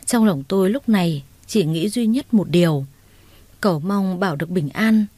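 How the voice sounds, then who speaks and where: A woman reads a first-person romance story aloud in an expressive way, acting out the quoted lines. Her voice is mellow and warm. The recording is dry and close, with no room echo. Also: fairly low pitch, moderate pace. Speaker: story narrator.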